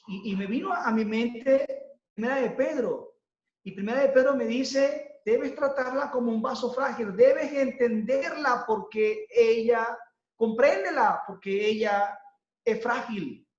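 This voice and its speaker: A man's voice: very high-pitched, unhurried, darkish tone, muffled recording. A man preaching a sermon as pastor, earnest, with a repetitive preaching cadence, recorded in a church hall.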